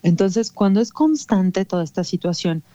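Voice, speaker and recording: A woman's voice: mid-range voice, lively intonation, moderate pace, warm tone, no echo, highs cut off. A woman, a guest who explains emotional topics patiently and often adds a questioning "no?". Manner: patient, explaining with many rhetorical "¿no?" tags. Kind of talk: explanatory conversation.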